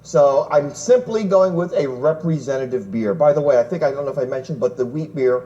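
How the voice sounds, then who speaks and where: A man's voice: mid-range voice, fairly quick, mellow, dull audio. A man hosting a TV tasting show, easygoing and jokey as he leads the chat. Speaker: TV show host. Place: TV studio.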